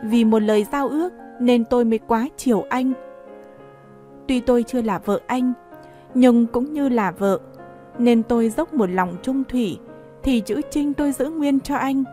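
A woman's voice: a little high, a little slow, mellow, faint music behind, lightly acted. Field: audiobook role. Figure: a woman voicing a distraught pregnant girl of eighteen. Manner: pleading, indignant. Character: distraught pregnant 18-year-old girl, proud and desperate. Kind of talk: audiobook dialogue reading.

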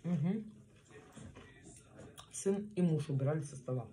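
A woman speaks in an offhand, chatty way to the camera while eating at home. She chews while talking and leaves gaps for bites. Clear background noise and the clatter of cutlery and plates sit behind her voice. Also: low-pitched, a little slow, warm tone. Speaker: mukbang vlogger. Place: small room at home, indoors. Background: cutlery and plates clinking.

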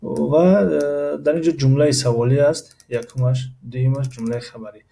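A man with a Tajik accent explaining English grammar, pausing often with filler sounds and reading English examples slowly before translating them. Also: mid-range voice, fairly even intonation, gravelly, mellow, rough recording. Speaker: English teacher.

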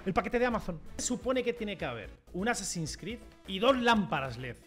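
A man giving excitable gameplay commentary from his bedroom at home, with loud outbursts, swearing and repeated catchphrases. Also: high voice, moderate pace, faint music behind. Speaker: gaming streamer.

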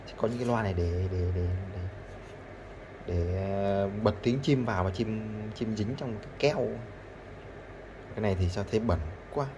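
A man's voice: on the low side, heavy background noise. A man vlogging as he tests scrap electronics, chatting to viewers and repeating himself often. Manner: chatty, addresses viewers constantly, repeats phrases. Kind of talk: casual hands-on demonstration.

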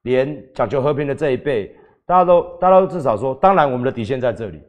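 Earnest talk show host. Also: male voice, mid-range voice, lively intonation, fast talker, highs cut off.

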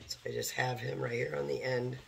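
A man with a hoarse voice from a cold, casually talking through a craft project step by step as he works. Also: mid-range voice, flat delivery, brisk, a little hiss or hum. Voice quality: gravelly. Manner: talks while working, moving near and far from the mic. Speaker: craft tutorial host.

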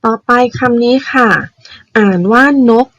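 A woman primary school teacher patiently explaining vocabulary words to young children, spelling them out slowly. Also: fairly high pitch, fairly even intonation, a bit bright, no room sound, low-quality recording. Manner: patient, spells words out slowly, ends phrases with polite particles.

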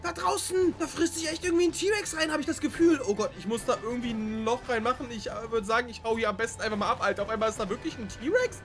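Excitable young man, very high voice. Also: fast talker, few pauses, faint music behind. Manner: excitable, chatty, lots of slang fillers. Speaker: gaming video host. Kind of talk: excitable gameplay commentary.

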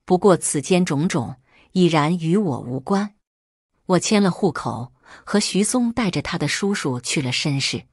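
A woman narrates a first-person story in a calm, steady read. Her voice sits low and sounds husky. The recording is dry, with no room around it. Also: a little slow, no room sound.

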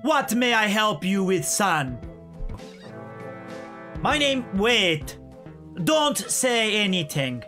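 A man voicing an ominous female fortune-teller in a put-on Jamaican accent, drawing out her prophecies slowly. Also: sits high, big pitch swings, over music, full character voice. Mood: mysterious. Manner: slow, drawn-out prophetic delivery. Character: slow mystic fortune-teller woman, ominous.

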